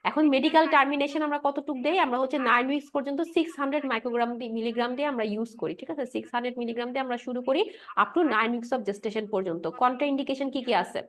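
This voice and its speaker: A high-pitched woman lecturer races through a pharmacology class. She keeps asking the room questions, then answers them herself and repeats each point with a quick "right?". English drug and anatomy terms run all through her talk. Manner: mixes English medical terms into her speech. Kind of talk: explanatory lecture with quiz questions.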